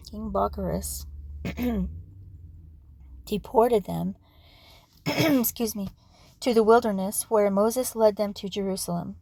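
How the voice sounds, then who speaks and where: Gravelly, mellow-voiced woman reading history aloud. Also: medium pitch. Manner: reads with asides and frequent throat clearing. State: losing her voice. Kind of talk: casual read-aloud for sleep.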